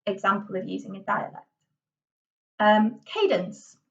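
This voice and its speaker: A drama teacher from Yorkshire, England, speaks a little slowly in a medium-pitched voice with vocal fry and a Yorkshire accent. Her casual lesson is chatty and full of ums and self-corrections, recorded on a distant mic with lo-fi sound.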